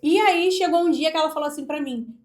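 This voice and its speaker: A woman's voice: high voice, fast talker, a little mellow. A woman with a Brazilian accent, a speech therapist, teaching voice and posture in an instructional video with live demonstrations, explaining step by step. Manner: demonstrative, explains step by step, often says "look". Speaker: speech therapist and public speaking coach.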